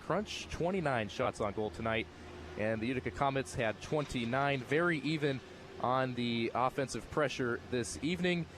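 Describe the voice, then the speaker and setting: A young adult American man with a mid-range voice calls sports at a normal speed, live arena sound and background noise behind him. He works as a broadcaster, handling play-by-play and hosting postgame radio.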